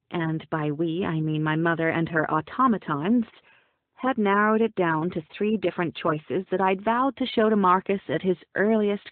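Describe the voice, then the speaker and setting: A woman's voice: mid-range voice, no room sound. A young woman narrating an audiobook in the first person, wry and playful. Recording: dry, phone-like narrow sound.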